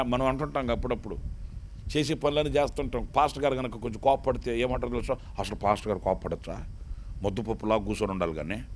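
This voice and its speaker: A man pastor preaching a lively sermon, asking the congregation questions and acting out the story. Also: mid-range voice, slight background noise. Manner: animated call-and-response preaching.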